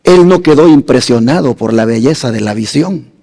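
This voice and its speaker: Slow gravelly preacher in a reverberant hall. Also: male voice, medium pitch, animated. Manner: slow, dramatic preaching with wide swings between loud emphasis and hushed phrases. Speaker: pastor. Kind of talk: sermon.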